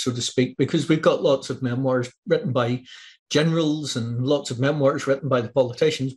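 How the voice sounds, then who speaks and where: A man's voice: medium pitch, a little mellow. An Australian man hosting an author interview over a video call from a home office, friendly and asking questions in long run-on sentences. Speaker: interview host. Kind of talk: casual interview. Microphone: video call webcam.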